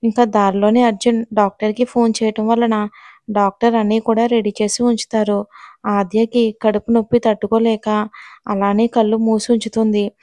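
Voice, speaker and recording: Woman storyteller reading a serialized romance, even and unhurried, little lift in pitch, close and dry. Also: no room sound. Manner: even, steady narration with short direct asides to listeners.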